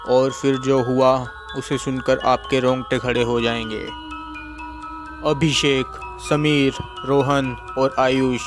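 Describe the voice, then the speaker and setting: A man narrating a horror story in a slow, measured, suspenseful way, with music in the background. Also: medium pitch.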